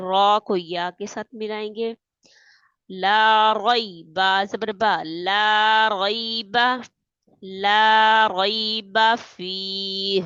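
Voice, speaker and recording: A woman teaching Quran reading, spelling out letters and vowel marks and then reciting the verses slowly. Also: mid-range voice, a bit bright, no room sound, dull audio. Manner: patient, keeps checking in with "theek hai". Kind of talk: step-by-step recitation lesson.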